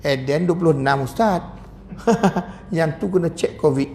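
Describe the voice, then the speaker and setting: A man with a Malaysian accent giving a lively mosque lecture as a religious teacher, joking and acting out voices. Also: a little high, measured pace, vocal fry, a little hiss or hum. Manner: animated, jokey, acts out voices.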